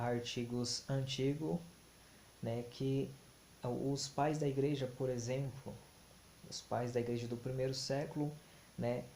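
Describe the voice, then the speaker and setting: A man gives a slow, deliberate teaching talk, his tone dark and level with little rise or fall. He keeps pausing on fillers and restarting his phrases. The room rings with echo over a faint hiss. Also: medium pitch, gravelly. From Brazil. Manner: halting, many fillers and restarts; slow, deliberate, flat delivery. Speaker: Bible teacher. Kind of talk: explanatory talk on Hebrew grammar.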